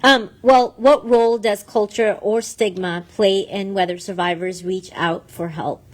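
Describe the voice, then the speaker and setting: A woman's voice: mid-range voice, steady tone, a little slow. A woman hosting a casual interview chat, who gives frequent short, encouraging replies. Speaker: talk show host.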